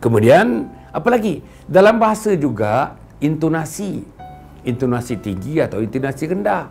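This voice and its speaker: A middle-aged man from Klang in Malaysia, speaking with a Malaysian Malay accent, giving an animated sermon to viewers and acting out quoted speech with playful asides. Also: fairly high pitch, moderate pace, gravelly, faint music behind. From Klang, Selangor, Malaysia. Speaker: religious speaker addressing viewers. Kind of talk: lecture-style sermon to a camera audience.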